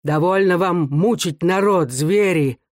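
A man's voice: sits high, a little slow, no room sound, clean studio sound. A man reading aloud voices a defiant bearded peasant who speaks firmly in a raised, accusing voice. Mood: stern.

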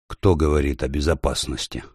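A man voicing a gruff, kindly male beaver in an audiobook, speaking emphatically and slowing down on the weighty words. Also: a bass voice, steady tone, darkish tone, no echo, studio quality, voice pushed down. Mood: indignant. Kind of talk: audiobook character voice.

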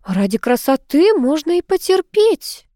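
A woman's voice: high-pitched, expressive, normal speed, darkish tone, no room sound, studio quality, pitched above the performer's own voice. A woman reading an audiobook, voicing a gracious older society lady who speaks in a mentoring tone.

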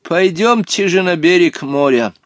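A man's voice: sits high, lively intonation, a bit bright, no room sound, clean studio sound, voice pushed up. Hottabych, a man doing a flowery old genie. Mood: eager. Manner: flowery, ceremonious, slow. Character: Hottabych, ancient courtly male genie.

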